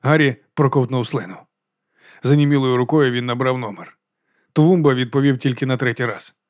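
A man narrating an audiobook in a steady storytelling manner. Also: mid-range voice, fairly quick, no room sound, studio quality. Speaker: audiobook reader.

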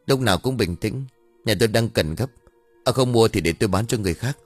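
A man's voice: on the low side, fast, dry recording, soft background music, lightly acted. A man voicing a young man, a blunt and bossy elder brother with a scheming streak. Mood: brusque.

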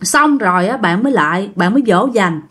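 A woman's voice: mid-range voice, expressive, a little fast, fairly bright tone, breathy edge. A woman casually telling a ghost story, chatting directly to her listeners.

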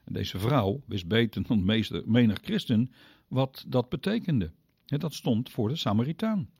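A man teaching the Bible on the radio, speaking directly to his listeners and explaining step by step, with sudden pitch leaps on key words. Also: lively intonation, normal speed, vocal fry, a little mellow, breathy edge, no room sound, clean studio sound.

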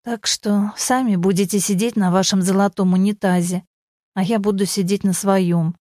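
A middle-aged woman who speaks bluntly and with grim resignation, voiced by a woman narrator. Her voice is mellow and dark in a dry, close recording. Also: mid-range voice, fairly even intonation, moderate pace, no echo, natural voice.

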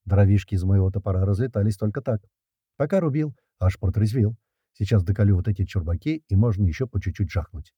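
A man's voice: on the low side, animated, fast, breathy edge, no room sound, highs cut off. A man narrating an audiobook in the first person, casual and slangy.

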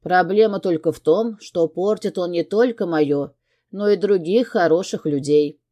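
A woman's voice: fairly low pitch, a little slow, dark tone. A woman voicing a hard-edged male crime boss. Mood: cold. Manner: harsh, commanding, swearing. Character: tough male crime boss, hot-tempered father. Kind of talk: audiobook character voice.

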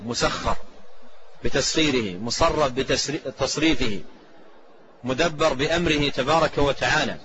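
A man teaching a classical creed text as a sheikh, explaining it in measured phrases, repeating key words and reciting quoted verses and sayings. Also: on the high side, a bit bright. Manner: recites quoted scripture and hadith. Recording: slightly dull lo-fi recording with faint hiss.

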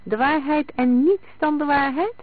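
A reader voicing a calm detective who presses a suspect with probing questions. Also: high-pitched, normal speed, no echo, voice pushed up, lightly acted. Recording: dry, tinny lo-fi sound.

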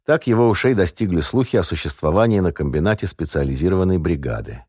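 A man narrating an audiobook in a measured, wry first-person voice. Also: low-pitched, lively intonation, a little mellow, husky, no room sound, studio quality.

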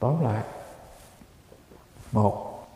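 A man, a Buddhist monk, giving a dharma talk in a measured, emphatic way and often addressing his listeners directly. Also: lowish voice, mellow. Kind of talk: sermon. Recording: echoey hall with long reverb.

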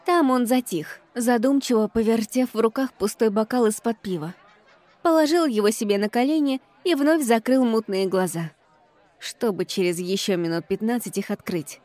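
A woman's voice: a little high, a little mellow, no room sound. A woman reading a first-person audiobook with an ironic, exasperated tone. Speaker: audiobook reader.

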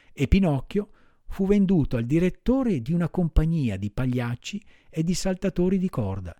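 A man narrating a children's classic audiobook in a measured, expressive way. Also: medium pitch, dry recording, studio quality. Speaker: audiobook reader.

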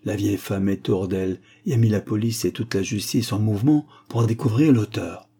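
A man's voice: lowish voice, normal speed, warm tone, slightly rough. A man playing a smug mocking marquis. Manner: mocking, self-assured.

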